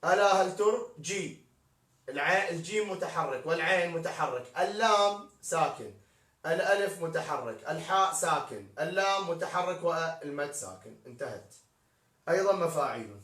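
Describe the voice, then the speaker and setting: A man's voice: fairly high pitch, animated, normal speed, a bit bright. A man teaching poetic meter in a live-streamed lesson, spelling out words letter by letter as he explains. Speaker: poetry teacher. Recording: echoey room, distant mic.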